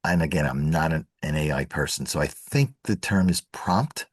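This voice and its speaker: A man's voice: extremely low pitch, moderate pace, husky, no room sound, clean studio sound. A man from New York City co-hosting a casual podcast, telling stories with a sarcastic edge. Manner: sarcastic, lively storyteller. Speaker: co-host.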